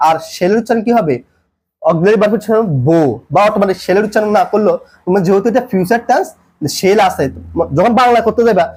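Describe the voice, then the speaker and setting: Quick, high-voiced man teaching grammar. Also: darkish tone, husky. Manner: repetitive, quizzing questions to the viewer. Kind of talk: tutorial lesson explaining grammar.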